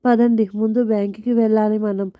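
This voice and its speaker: A woman voicing an excited, bossy middle-aged wife who chides her husband in a storybook tale. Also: medium pitch, fairly quick, clear, resonant tone, dry recording, close to an everyday voice. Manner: chiding, eager. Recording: dull lo-fi dry recording.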